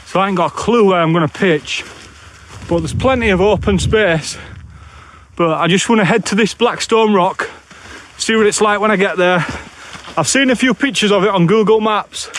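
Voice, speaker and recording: For his solo camping vlog, a native English speaker from Bradford, West Yorkshire, England, chats bluntly in northern dialect as he walks open moorland. His voice sits high and a bit bright, with the sounds of the outdoors in the background.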